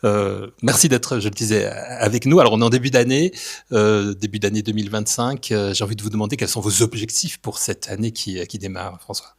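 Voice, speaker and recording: A man's voice: lowish voice, fairly even intonation, fairly quick, breathy edge. A man hosting an interview in a friendly, lightly joking way. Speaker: interviewer, host.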